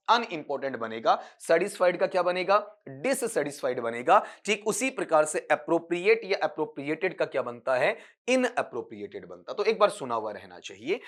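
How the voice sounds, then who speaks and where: Teacher with slightly high voice. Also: male voice, big pitch swings, fairly quick, fairly bright tone. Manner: explains step by step, asks questions and answers them; addresses students as beta. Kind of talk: exam-prep lecture.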